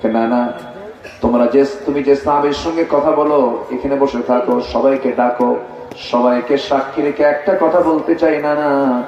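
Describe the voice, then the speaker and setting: A man's voice: mid-range voice, fairly even intonation, normal speed, a little mellow, slight background noise, close to an everyday voice. Preacher doing a bold demanding little boy, indignant, super echoey muffled sound. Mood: insistent. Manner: indignant, insistent complaints.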